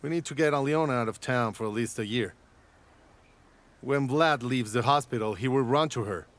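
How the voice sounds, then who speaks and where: A man's voice: mid-range voice, normal speed, fairly bright tone, slight background noise, natural voice. An actor in a dubbed film playing a boss and father who firmly lays out his plans. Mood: scheming, firm.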